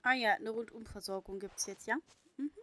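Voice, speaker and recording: A woman's voice: sits high, quick pace. A woman giving casual gameplay commentary as a let's player.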